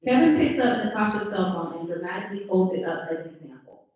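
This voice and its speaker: A woman reads scripted stage directions as narrator at a live indoor table read held during a mixer event. Her mid-range voice is quick with lively intonation, though the recording sounds slightly dull, very echoey, and distantly picked up.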